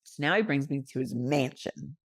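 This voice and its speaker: Low-voiced woman telling her story animatedly. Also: moderate pace. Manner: animated and emotional, with frequent laughter and "you know". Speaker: guest. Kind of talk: personal storytelling in a podcast interview.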